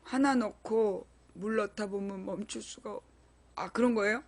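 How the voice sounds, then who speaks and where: A middle-aged woman broadcasting to her viewers, chatting casually and telling lively stories about home life, acting out quoted arguments and laughing as she goes. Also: medium pitch, moderate pace. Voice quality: chatty, laughing, animated storytelling. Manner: acts out quoted arguments in a raised voice. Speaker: online broadcaster.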